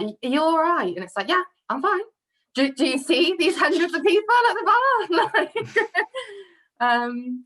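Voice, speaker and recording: Bright-voiced Brummie woman. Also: on the low side, low-quality recording. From Birmingham, England. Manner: chatty storytelling with quoted asides. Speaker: former bar worker. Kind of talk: casual group video chat.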